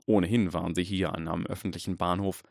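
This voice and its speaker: Deep-voiced man narrating a story. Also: fairly even intonation, fast talker, vocal fry, darkish tone, no room sound, clean studio sound. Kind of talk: audiobook reading.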